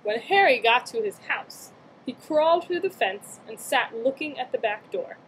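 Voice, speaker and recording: With a voice on the high side and lively intonation, a young adult aunt reads a picture book to small children at a moderate pace, tossing in chatty questions and playful exclamations. The audio from her arm's-length computer webcam mic is poor, with a little hiss or hum.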